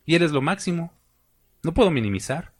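A man's voice: on the high side, lively intonation, brisk, slightly rough. A man with a Mexican accent preaching a sermon, emphatic and conversational, asking his congregation questions and slipping in folksy jokes. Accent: Mexican Spanish. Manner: folksy and joking, with colloquial asides.

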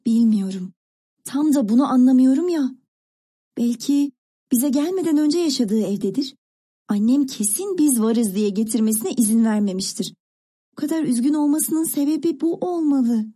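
Woman doing a teenage older sister, musing, hushed, dark mellow tone, husky. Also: high-pitched, expressive, normal speed, voice pushed up. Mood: insistent. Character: thoughtful teenage older sister, secretive storyteller.

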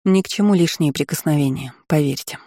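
A fierce young noblewoman in a storybook reading, as a man puts her on. Her voice sits a little high yet sounds mellow and warm. It is recorded close and dry. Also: a little fast, no echo, close to an everyday voice. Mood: indignant.

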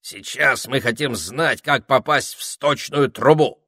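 A man's voice: mid-range voice, unhurried, pushed and bright, slightly rough, no echo, clean studio sound, voice pushed up, exaggerated voice. A man doing a bossy, wise old parrot.

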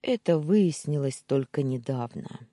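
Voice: mid-range voice, animated, a little slow, dark tone, no echo, clean studio sound. A narrator voicing the hero, a brooding young man bent on revenge, speaking grimly.

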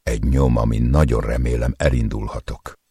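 A man narrating a first-person audiobook in a cold, measured, menacing way. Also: rumbling low, steady tone, mellow, breathy edge, no echo, clean studio sound.

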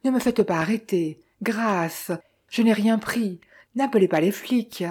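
A woman's voice: mid-range voice, a little slow, darkish tone, slightly rough. A woman voicing a frightened male thief who stammers and pleads in an audiobook. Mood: pleading.

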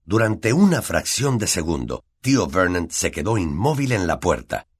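A man with a Latin American Spanish accent narrating a fantasy audiobook in an expressive storytelling manner. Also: sits low, moderate pace, slightly rough. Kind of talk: scripted narration.

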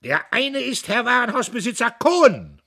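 A man's voice: very high voice, sing-song, measured pace, pushed and bright, slightly rough, pitched above the performer's own voice, heavily acted. A man voicing a bullying, cowardly man who bellows at a crowd like a barker, in a read-aloud novel. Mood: bellowing. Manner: bellowing, boastful.

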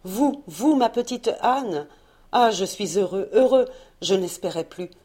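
A woman's voice: on the low side, moderate pace, mellow, natural voice. A woman voicing a young male sea captain, passionate and brooding, speaking with fervent tenderness. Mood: overjoyed.

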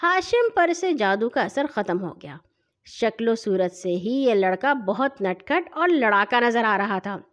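A woman storyteller narrates children's audio stories in a high, lively voice, recorded lo-fi.

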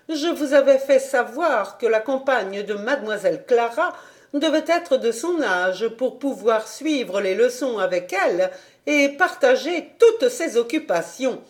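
A woman voicing a stern, prim middle-aged governess who asks sharp, indignant questions in a storybook reading. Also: fairly high pitch, pitched above the performer's own voice.

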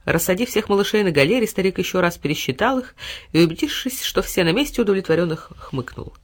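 Expressive fairy-tale narrator. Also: medium pitch, quick pace. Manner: expressive, dramatic delivery. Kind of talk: audiobook fairy-tale reading.

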